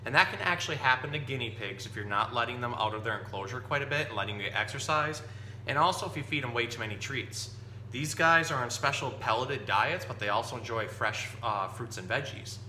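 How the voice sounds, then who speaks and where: A zookeeper gives children an informal, explanatory lesson about animals and reads them a picture book aloud. His medium-pitched voice is expressive, fairly quick, pushed and bright, and the recording has roomy echo with background noise and hum.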